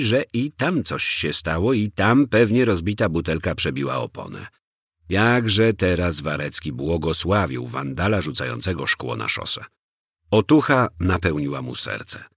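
Guy reading a crime story, deep and kinda husky, dramatic, dry close recording. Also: fairly bright tone, no echo. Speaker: audiobook narrator. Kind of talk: scripted narration of a crime novel.

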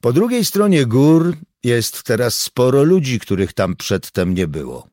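A man voicing a calm, self-assured male volunteer who speaks in a measured, diplomatic way. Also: mid-range voice, no echo, studio quality, voice pushed up.

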